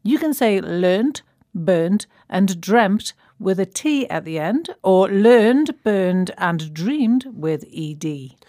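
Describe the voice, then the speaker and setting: A woman presenting a scripted language lesson, speaking clearly and spelling words out letter by letter. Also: medium pitch, lively intonation, slow pace, mellow, no echo, studio quality.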